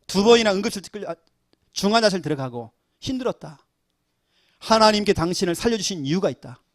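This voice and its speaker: A middle-aged man, a pastor, preaching a sermon and telling stories with lively acted-out quotes. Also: high voice, a little fast, dry recording, clean studio sound. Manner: animated storytelling, acting out quoted voices.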